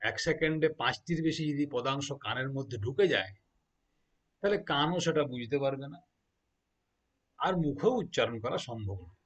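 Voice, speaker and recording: A man's voice: medium pitch, expressive, moderate pace, pauses often. A man teaching a lesson, spelling words out letter by letter and answering his own questions. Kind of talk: explaining a lesson to students.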